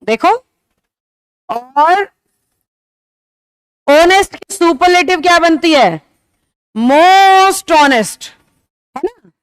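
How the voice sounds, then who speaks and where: In a classroom with a board, a woman English teacher with a high voice teaches grammar, her delivery expressive. The recording is close and dry, free of room sound. She takes her time explaining, keeps asking rhetorical questions to see if students follow, and slows down on the important example words.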